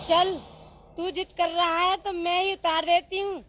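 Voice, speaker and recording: A man voicing a bossy, shrill housewife in a comedy sketch, speaking in a high falsetto. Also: little pitch movement, a little slow, over a noisy crowd. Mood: coy. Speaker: comic mimicry performer. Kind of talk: comic sketch acting.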